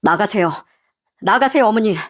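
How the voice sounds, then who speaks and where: A woman's voice: fairly high pitch, lively intonation, a little fast. A woman voicing a grown son who coldly and wearily tells off his mother in a storybook tale. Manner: cold, firm, weary. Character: fed-up adult son, cold and firm. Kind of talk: storybook narration with acted voices.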